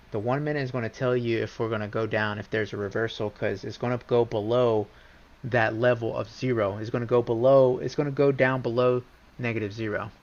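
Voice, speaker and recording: Male streamer, mid-pitched, casual and rambling, restarts a lot, slightly muffled lo-fi mic. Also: gravelly. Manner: rambling, restarts often, gets excited and repeats himself. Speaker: livestream trading host. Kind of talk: casual live chart walkthrough. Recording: slightly dull lo-fi stream audio.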